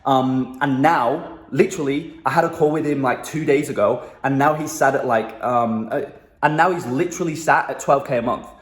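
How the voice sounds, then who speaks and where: A man speaking in a phone video, the handheld phone catching plenty of bounce off the bare walls of an indoor room. His voice sits at an ordinary middle pitch. He gives chatty, filler-heavy business advice to camera. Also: moderate pace. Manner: loose and chatty, many fillers like "um", "and whatnot" and "right?". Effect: phone video recording. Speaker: marketing agency coach. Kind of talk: casual advice talk to camera. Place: room indoors in a new apartment. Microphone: handheld phone held at arm's length. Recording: echoey room on a phone mic.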